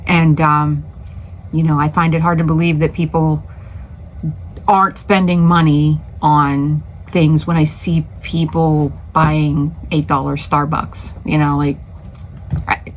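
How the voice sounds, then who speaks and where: A woman's voice: low-pitched, flat delivery, takes it slowly, slight background noise. A middle-aged woman running a small craft business, chatting casually in a vlog from her home studio, rambling with lots of fillers and restarts.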